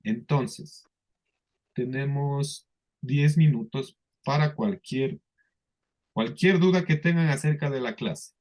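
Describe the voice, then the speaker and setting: Unhurried male teacher on an online class, drills pronunciation patiently. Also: medium pitch, a little mellow. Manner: patient, repeats words slowly for students. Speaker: English teacher.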